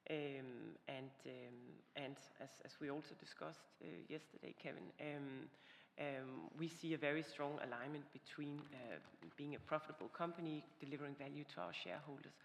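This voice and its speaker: A woman from Denmark speaking on a conference panel as a company executive, measured and hesitant. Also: low voice, steady tone, gravelly. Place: large hall on a conference stage. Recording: reverberant hall with faint noise.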